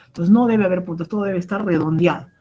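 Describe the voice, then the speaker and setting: A woman's voice: fairly low pitch, quick pace, mellow, dull audio. A woman giving an online cooking lecture, explaining step by step and often checking in with the class. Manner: explanatory, keeps asking "¿correcto?" and "¿no?"; many fillers and restarts. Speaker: culinary instructor.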